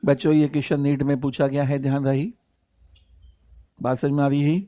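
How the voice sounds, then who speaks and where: A man teaching biology in an online live class, reading English definitions slowly and explaining them in Hindi, calling students 'sahab' and reading their names from the chat. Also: medium pitch, little pitch movement, warm tone, no room sound, clean studio sound. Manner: addresses students as 'sahab' and 'bachchon', repeats key points.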